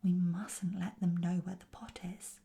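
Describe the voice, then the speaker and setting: Woman whispering as a croaking cautious frog. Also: fairly low pitch, little pitch movement, a little slow, dark tone. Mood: urgent. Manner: croaky, urgent. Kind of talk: whispered role-play.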